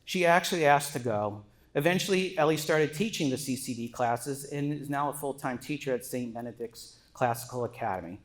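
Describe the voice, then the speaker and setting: A man's voice: mid-range voice, a little fast. A middle-aged man giving a father of the bride speech at a wedding, prepared and sprinkled with joking asides.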